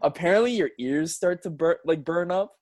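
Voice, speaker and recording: A man's voice: fairly high pitch, moderate pace, darkish tone, dry recording. A young man co-hosting a podcast, chatting casually, laughing often and swearing freely. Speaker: podcast co-host. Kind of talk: casual chat.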